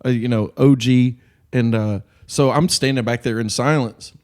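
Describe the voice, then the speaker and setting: A man in casual podcast chat, telling a long story with intense conviction. He jumps into the voices of the people he quotes. His pitch sits in an ordinary middle range. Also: steady tone, moderate pace, a little mellow. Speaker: podcast co-host.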